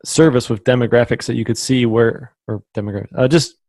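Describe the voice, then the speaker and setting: A man's voice: mid-range voice, fairly quick, darkish tone, no echo. A man co-hosting a podcast in casual chat, talking loosely and hesitantly with lots of fillers. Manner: chatty, hesitant, many "like" fillers. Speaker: podcast co-host.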